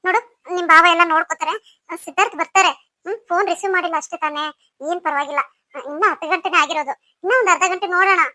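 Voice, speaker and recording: A woman's voice: very high-pitched, fairly even intonation, very fast, sharp tone, no room sound, studio quality. A woman voicing a caring elder sister in a cartoon story, coaxing and reassuring. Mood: soothing. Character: caring older sister, soothing and firm.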